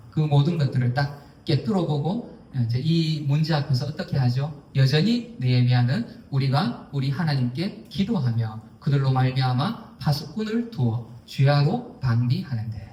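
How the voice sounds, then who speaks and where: A male pastor delivers an emphatic sermon with a fairly high voice. He slips into acting out quoted lines and leans on fillers as he goes. The sound comes from some distance off in an echoey church hall. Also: mellow. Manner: emphatic, acts out quoted speech, many fillers. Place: church sanctuary. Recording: echoey hall, voice heard from afar.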